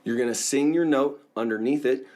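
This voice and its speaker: A man teaching a casual singing lesson, explaining in a relaxed way and often checking in with the viewer. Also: medium pitch, a little fast.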